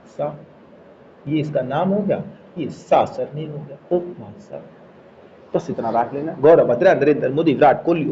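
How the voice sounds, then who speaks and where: Explaining Hindi grammar one step at a time, this male teacher repeats important words and makes sure students are following along. His voice is mellow and on the high side. The recording sounds slightly dull, with faint noise behind it.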